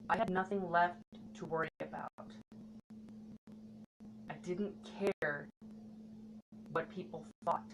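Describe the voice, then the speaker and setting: Vlogger, woman, earnest and frank, lower voice, noisy recording. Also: steady tone, slow, pauses often. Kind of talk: personal talk to camera. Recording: noticeable background noise.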